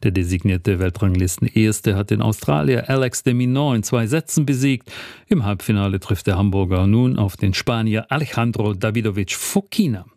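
A man with a lowish voice reads the sports segment of a radio news show in a crisp, steady newsreader manner. The studio sound is dry and close, with no room around it. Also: moderate pace, no room sound. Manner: crisp, even news delivery. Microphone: close studio mic.

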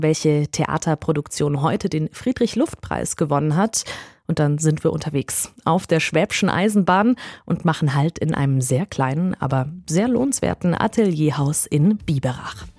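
Low-voiced female radio culture host. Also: normal speed, no room sound, studio quality. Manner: calm, friendly, articulate presenting. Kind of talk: scripted radio moderation. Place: radio studio.

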